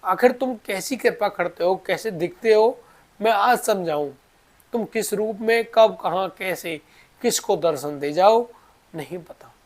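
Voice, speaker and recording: A man doing a loud, stubborn old sadhu. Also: high-pitched, measured pace, pitched above the performer's own voice. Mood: tearful devotion. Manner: scolding, rustic Braj dialect speech. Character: old male ascetic, stubborn and devoted.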